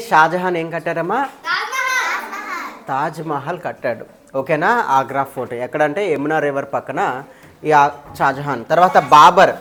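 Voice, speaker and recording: Woman teacher who keeps asking "okay?". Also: deep voice. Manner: keeps checking "okay?", mixes English terms in. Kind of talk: exam paper explanation class. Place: live class with students.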